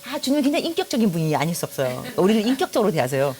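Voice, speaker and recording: A woman's voice: medium pitch, racing, a little hiss or hum. A middle-aged woman from Korea preaching a sermon as a pastor, telling stories with jokes and speaking straight to the congregation. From South Korea. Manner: lively storytelling, joking, addresses the audience directly.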